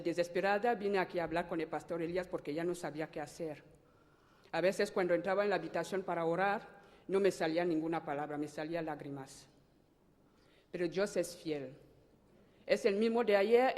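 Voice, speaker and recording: A woman's voice: on the low side, fairly even intonation, a little mellow. Fervent woman. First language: French. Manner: emotional, fervent, halting at times. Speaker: church member giving testimony. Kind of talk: spoken church testimony. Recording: long hall reverb.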